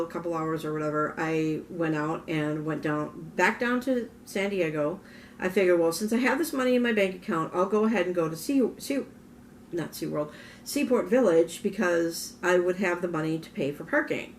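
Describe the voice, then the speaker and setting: Minnesota lady vlogging, kinda low voice w/ morning rasp, rambles n corrects herself, faint hiss behind. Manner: rambling, self-correcting storyteller. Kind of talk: casual talking-head vlog.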